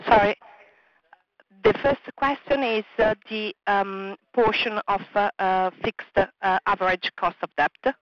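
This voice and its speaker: A woman's voice: medium pitch, fairly even intonation, unhurried, dry recording. Polite woman analyst on a dry line. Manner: polite, careful, filler-laden questions. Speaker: financial analyst. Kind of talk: asking questions on an earnings call. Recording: dry, muffled phone line.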